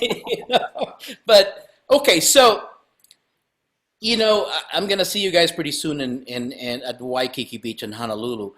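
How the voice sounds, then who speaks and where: A middle-aged man hosting a casual interview over a video call from home, animated and joking, laughing often. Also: fairly high pitch, moderate pace. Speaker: podcast host. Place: home room indoors. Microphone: video call webcam.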